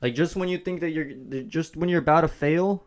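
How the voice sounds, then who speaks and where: A man's voice: on the high side, normal speed. A man hosting a business vlog, talking casually to camera and repeating himself as he rambles. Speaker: host of a business channel.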